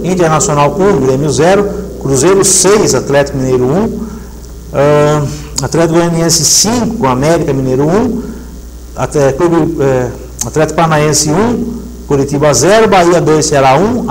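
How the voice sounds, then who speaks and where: A man's voice: fairly high pitch, a little hiss or hum, poor audio. A middle-aged man hosting a sports show, chatting and reading match results steadily. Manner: steady, reads lists of results. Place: TV studio set. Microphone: lapel mic.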